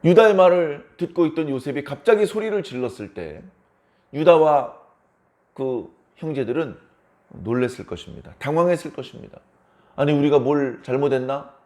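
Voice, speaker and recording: A male pastor giving a dawn service sermon with a fairly high voice. He tells the story like a drama, voicing the people in it. His pitch and volume rise and fall sharply as he goes. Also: sing-song, moderate pace. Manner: dramatic storytelling, acting out quoted lines with big swings in pitch and loudness.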